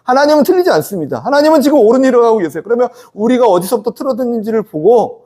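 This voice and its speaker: A man's voice: very high voice, big pitch swings, racing, mellow. A man preaching a Sunday sermon in church, conversational and interactive, often asking the congregation to answer back. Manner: acts out the sons and the father in quoted speech. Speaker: pastor. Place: church sanctuary.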